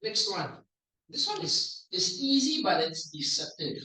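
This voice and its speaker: A man's voice: sits high, very animated, pushed and bright, recorded from a distance. Singaporean man coaching pronunciation, echoey room. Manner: playful, drills words aloud slowly for the audience. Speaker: language evaluator at a speaking club. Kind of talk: club speech evaluation and pronunciation coaching.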